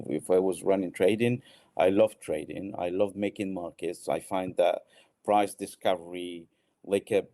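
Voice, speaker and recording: Middle-aged man from Morocco, deep mellow voice, halting reflective interview guest. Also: dry recording, studio quality. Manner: thoughtful, halting with many restarts. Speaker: guest, art exchange founder. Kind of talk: interview answers.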